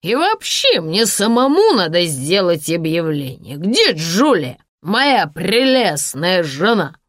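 A woman's voice: on the low side, very animated, slow pace, dry recording, studio quality, heavily acted. A woman reading an audiobook, voicing a drunken, boastful ruined man who slurs his words theatrically. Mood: drunk, mocking. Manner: slurred, theatrical, loud. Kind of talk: audiobook character voice.

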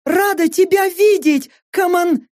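A man voicing a shrill, bossy young woman who leads a squad and shrieks her orders in an audiobook. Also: slow pace, a little mellow. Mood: glad. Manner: shrieking, commanding.

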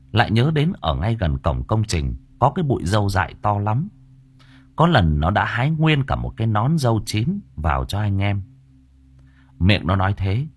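Expressive male audiobook narrator. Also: low voice, breathy edge. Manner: expressive, dramatic. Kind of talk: audiobook horror story narration.

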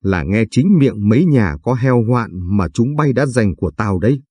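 A man's voice: mid-range voice, animated, normal speed, a little mellow, husky, dry recording. A man voicing a hot-tempered elderly father-in-law who scolds his sons-in-law in long angry tirades. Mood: furious. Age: older.

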